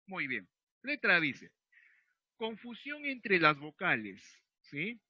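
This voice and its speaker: A man's voice: fairly high pitch, bright, forceful tone, no room sound, dull audio. A male secondary school teacher, explaining a recorded lesson patiently and checking in with his students after almost every sentence. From Peru. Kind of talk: recorded remote class lesson.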